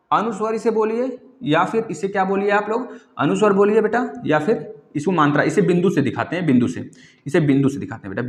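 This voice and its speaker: Male grammar teacher, fairly high voice, drills and quizzes his class, roomy echo. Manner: repeats key words, quizzes students, calls them "beta". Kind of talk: exam-prep lecture. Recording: echoey room.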